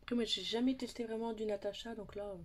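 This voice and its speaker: A young woman casually talking through a makeup tutorial, chatty, sometimes dropping into soft asides and near-whispers. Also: a little high, fairly even intonation, fast. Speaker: beauty vlogger.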